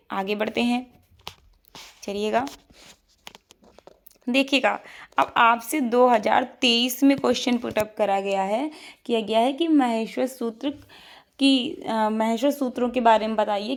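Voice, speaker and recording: A woman's voice: on the high side, measured pace. A woman teacher giving an online exam-prep lesson, drilling her students by asking a question and answering it herself, repeating each item.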